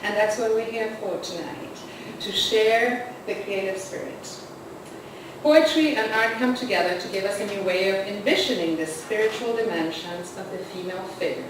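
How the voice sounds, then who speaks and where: A woman's voice: medium pitch, normal speed. Woman host in an echoey hall. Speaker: host and anthology editor. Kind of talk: introducing a poetry reading. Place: literary arts center event hall. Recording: roomy, distant, noisy hall recording.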